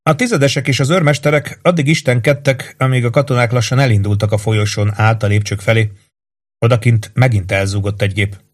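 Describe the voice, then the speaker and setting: Man narrating a war novel. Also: on the low side. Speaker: audiobook narrator.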